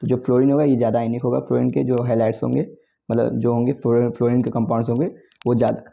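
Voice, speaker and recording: Male tutor, quick and gravelly, dark tone, repeats himself and corrects slips. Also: mid-range voice, little pitch movement. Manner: repetitive, self-correcting explanation with frequent 'theek' and 'okay'. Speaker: chemistry tutor. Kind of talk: exam-prep lecture.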